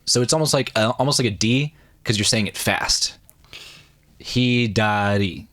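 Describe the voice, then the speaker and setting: A man's voice: medium pitch, brisk, sharp tone. A man hosting a casual podcast, trying out words as a learner, self-deprecating and full of "like" fillers. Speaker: podcast host.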